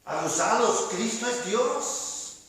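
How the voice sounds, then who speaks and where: Pastor preaching in a roomy church. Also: male voice, high voice, lively intonation, takes it slowly, a bit bright. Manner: conversational and humorous, acting out quoted voices. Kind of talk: sermon. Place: church sanctuary. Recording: roomy echo, speaker far from the mic.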